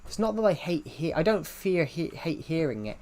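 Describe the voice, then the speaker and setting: His voice sits on the high side, a bit mellow, with big swings in pitch and a moderate pace. The man is at home streaming from his PC, chatting loosely as he voices answers to his chat, all in a thick accent that presses hard on every R.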